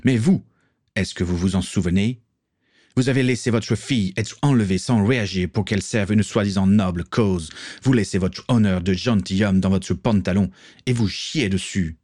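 A man's voice: on the low side, moderate pace, a little mellow, no room sound, clean studio sound, close to an everyday voice. A man reading aloud, voicing a proud young English nobleman who speaks earnestly and heatedly.

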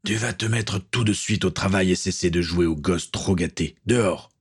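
A man's voice: sits low, normal speed, husky. A man voicing a stern middle-aged pirate captain, an uncle who speaks with firm authority.

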